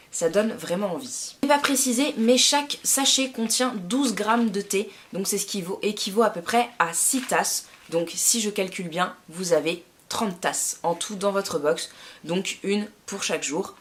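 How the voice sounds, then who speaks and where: A young woman chatting enthusiastically as she presents a tea subscription box, with frequent hesitations. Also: mid-range voice. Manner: chatty and enthusiastic, many fillers. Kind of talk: casual unboxing vlog.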